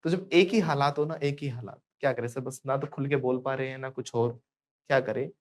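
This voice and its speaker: A man's voice: medium pitch, a little fast. A man teaching spoken English in an online class, playful and joking, prompting students to repeat phrases after him.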